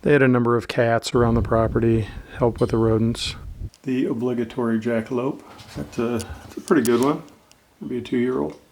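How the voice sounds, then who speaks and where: A man's voice: medium pitch, fairly even intonation, fairly quick, creaky, a little mellow. Easygoing man vlogging outdoors. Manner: easygoing, chatty, dry asides. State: out of breath at elevation. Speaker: fishing vlogger. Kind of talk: casual outdoor narration to camera. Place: outdoors on grasslands and creek trails. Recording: outdoor camera audio with noise.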